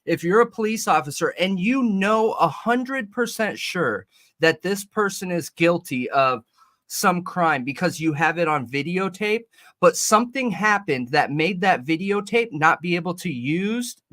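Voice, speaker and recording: On a livestreamed podcast, this co-host talks in a high, expressive, fairly bright voice at a slightly slow pace. He's casual and rambling, often breaking off to restart his thoughts, and his desk mic adds a faint metallic ring.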